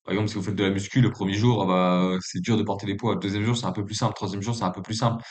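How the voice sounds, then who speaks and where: A man with a fairly low voice talks through trading basics in a relaxed, informal way. He pauses often with "euh" and restarts his sentences. His French carries a non-native accent. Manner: hesitant, many fillers, relaxed and informal. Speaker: trading coach. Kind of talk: casual explanatory lesson.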